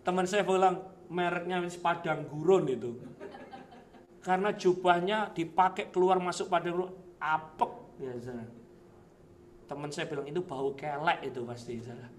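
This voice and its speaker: A male pastor with a Surabaya Indonesian accent, preaching a lively sermon in a church and shouting dramatic quotes. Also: sits high, normal speed, a little hiss or hum. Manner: mixes English words into speech.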